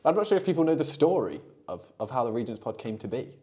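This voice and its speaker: A young man hosting a casual student podcast, his voice sitting at a middling pitch. He chats easily, laughs often, and lets his sentences drift quietly as he looks back. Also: very animated, fast talker. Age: young adult. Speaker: podcast host. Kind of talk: casual chat.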